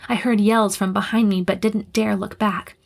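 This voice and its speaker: A woman narrates a first-person audiobook in a tense, breathy voice. She keeps slipping into a hushed half-whisper. Her pitch sits in an ordinary middle range for a woman. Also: level tone, normal speed.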